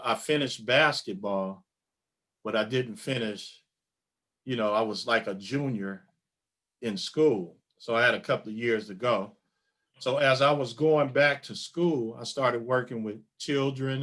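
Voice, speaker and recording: A man's voice: mid-range voice, a bit bright. Man hosting a community podcast. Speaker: podcast host. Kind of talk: interview.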